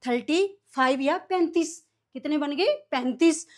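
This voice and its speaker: A woman's voice: high voice, measured pace. A woman teaching young children, asking each question and then answering it herself, repeating key words in a call-and-response classroom lesson. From India.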